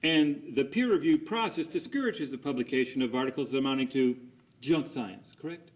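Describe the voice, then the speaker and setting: A man's voice: mid-range voice, lively intonation, normal speed. A man conducting a cross examination as an attorney, putting formal, methodical leading questions and seeking agreement after each statement.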